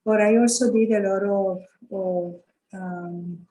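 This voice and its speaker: Slow, mellow woman. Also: mid-range voice, steady tone, a little hiss or hum, poor audio. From Puerto Rico. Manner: thoughtful, hesitant, laughs softly between thoughts. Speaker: guest. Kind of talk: conversational interview.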